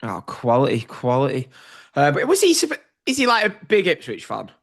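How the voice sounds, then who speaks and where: A man's voice: medium pitch, moderate pace. A man co-hosting a football podcast in casual chat, telling stories animatedly and acting out the voices of the people in them. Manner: animated, acts out quoted voices. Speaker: podcast co-host.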